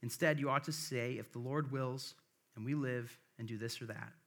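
A middle-aged pastor from the American Midwest, his accent slightly softened by the South, preaches a sermon and reads scripture earnestly, tossing "right?" out to the congregation. His voice is gravelly and medium-pitched, with fairly even intonation and a moderate pace.

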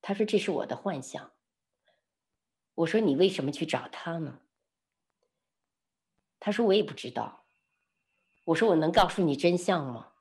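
A woman speaks in a fairly low, gentle voice. She retells a personal story to an interviewer, often sinking to a near whisper. She acts out what each person said and laughs lightly between lines. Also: animated, moderate pace, long pauses. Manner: soft-spoken, often dropping to a near whisper; reenacts dialogue, laughs lightly. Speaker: interview guest.

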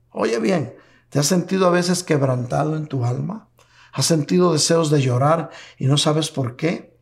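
Man preaching a sermon, a bit high-pitched, gets fervent and loud on the big lines, drags out the pleading bits. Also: creaky. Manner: fervent, rising emphasis on quoted divine words.

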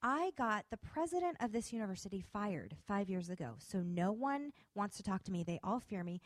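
A woman's voice: mid-range voice, lively intonation, moderate pace, no echo, lightly acted. A woman voicing a lonely, volatile middle-aged woman professor who speaks bluntly and abruptly. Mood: despairing.

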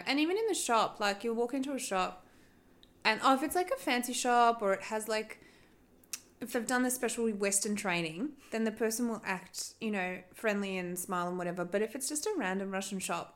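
A woman co-hosting a casual chat, talking freely and filling her sentences with "like". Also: medium pitch. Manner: chatty, fills talk with "like". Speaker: co-host.

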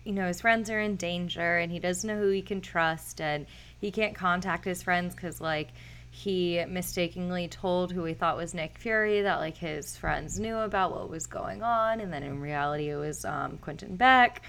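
Chatty woman with a low voice. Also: moderate pace, vocal fry, fairly bright tone, clean tone. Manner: chatty, many fillers and restarts. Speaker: podcast co-host. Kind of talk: casual chat recapping a film.

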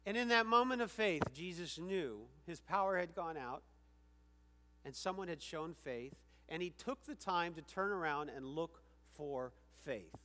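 Male pastor with a slightly high voice, preaching emphatically with questions to the congregation; long reverb of a church hall. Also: a little slow, a bit bright, a little hiss or hum. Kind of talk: sermon.

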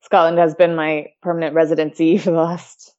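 A woman's voice: low-pitched, level tone, brisk, dark tone. Chatty Canadian-born woman, lo-fi audio. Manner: chatty, laughing, many fillers. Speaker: guest. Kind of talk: casual conversation. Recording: dull lo-fi audio.

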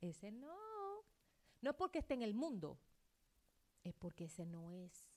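A middle-aged woman pastor preaching a sermon, acting out quoted dialogue and swinging between loud outbursts and hushed asides. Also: fairly low pitch, big pitch swings, moderate pace.

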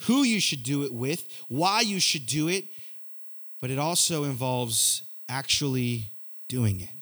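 Energetic young male preacher. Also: a little high. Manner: energetic, repetitive, conversational preaching. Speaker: youth pastor. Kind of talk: sermon.

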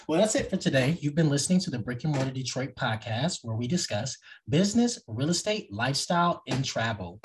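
Husky, animated male podcast host. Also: mid-range voice, poor audio. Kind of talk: podcast hosting with scripted announcements.

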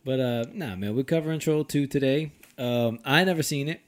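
A man hosting a casual podcast, animated and laughing often, swearing freely. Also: mid-range voice, moderate pace. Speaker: podcast host.

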